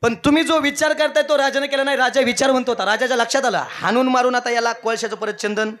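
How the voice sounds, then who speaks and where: A man's voice: very high-pitched, fairly even intonation, quick pace, fairly bright tone. A man preaching a devotional sermon, telling a folk story animatedly and throwing rhetorical questions at the audience. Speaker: kirtan preacher.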